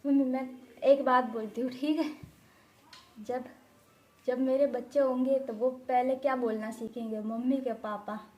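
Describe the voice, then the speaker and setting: A young woman from Rajasthan speaks with a high-pitched voice. She tells a childhood story to camera at home in a casual vlog, and laughter runs all through her telling. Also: fairly even intonation, measured pace, dark tone. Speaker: vlogger.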